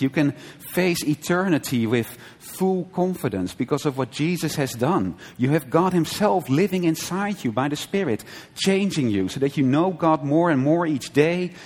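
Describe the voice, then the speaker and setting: A man teaching a conversational sermon, often checking with his listeners with a quick "right?" and restarting his sentences. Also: a little high. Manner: conversational, frequent "right?" checks and brief laughs, self-correcting restarts. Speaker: preacher. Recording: long hall reverb.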